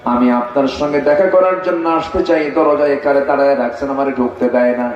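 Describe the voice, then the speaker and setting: A man's voice: medium pitch, steady tone, a little fast, a little mellow, natural voice. A man preaching a sermon voices a bold young boy who makes indignant, insistent demands. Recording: echoey, muffled lo-fi sound.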